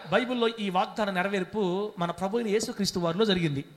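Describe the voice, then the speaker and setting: A pastor delivers an impassioned sermon in a high-pitched male voice. He moves between quiet, intimate stretches and loud, rousing calls. He urges the congregation to answer him aloud. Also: quick pace. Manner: impassioned preaching that swings between hushed and loud.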